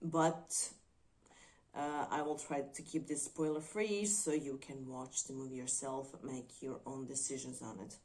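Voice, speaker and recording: A woman from Croatia, reviewing movies on her channel in a thoughtful, hesitant way with frequent pauses. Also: a bass voice, fairly even intonation, a little mellow. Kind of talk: unscripted video commentary.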